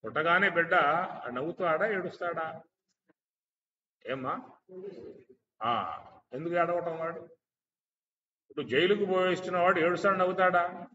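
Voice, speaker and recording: A spiritual teacher with a bright, sharp, high voice delivers a discourse on scripture, posing rhetorical questions and chanting Sanskrit verses. He speaks at a normal pace with long pauses, positioned far from the microphone. The recording is dull and muffled, with a long reverb trailing his words.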